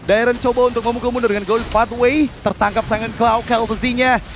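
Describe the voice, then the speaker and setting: A male esports caster with a high-pitched voice calls the action in dramatic play-by-play. Faint music runs behind his commentary. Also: little pitch movement, fairly quick.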